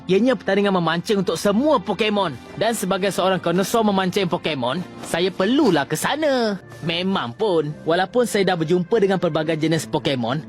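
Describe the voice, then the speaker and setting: Man voicing a high-pitched, earnest anime youth. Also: lightly acted. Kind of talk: animated series dub.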